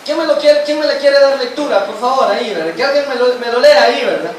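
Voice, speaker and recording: A man's voice: extremely high pitch, expressive, fast talker, slight background noise. A man teaching a church Bible study lesson, constantly quizzing the congregation with questions and calling them brothers. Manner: addresses listeners as brothers constantly. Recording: echoey church hall, mic far off.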